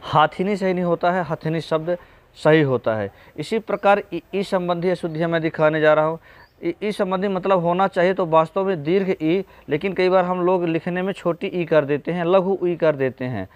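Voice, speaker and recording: A man's voice: high-pitched, normal speed, no room sound. A man teaching an exam-prep spelling lesson, patiently going through correct and incorrect word forms and addressing viewers as friends.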